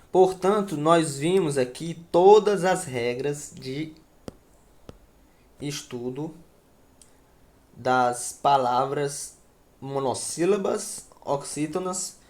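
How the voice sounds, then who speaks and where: Slow-speaking male grammar teacher. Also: on the high side, darkish tone. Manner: slow, repeats words and asks "certo?". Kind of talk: grammar lesson at a board.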